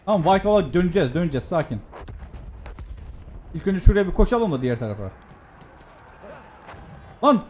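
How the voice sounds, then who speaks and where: A young man casually commenting on his own gameplay, excitable and talking to himself with frequent exclamations. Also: sits high, brisk, pauses often, a little hiss or hum.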